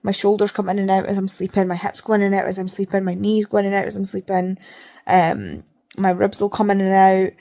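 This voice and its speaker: A woman's voice: mid-range voice, steady tone, a little fast, creaky, warm tone. A woman vlogger chatting casually, talking with her mouth barely open and rambling, repeating herself for emphasis. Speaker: reading vlogger. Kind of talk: casual chat to camera.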